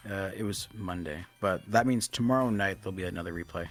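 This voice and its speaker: A man's voice: deep voice, fast talker, soft background music. A man co-hosting a live stream from his computer setup, chatting in a loose, joking way with some swearing. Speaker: co-host of a live stream show. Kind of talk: casual chat.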